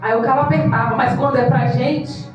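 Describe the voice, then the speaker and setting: A woman's voice: a little high, steady tone, a little fast, dull audio, faint music behind. A woman pastor preaching an impassioned evangelical sermon, acting out the voices of congregants. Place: church hall. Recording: echoey church hall from far off.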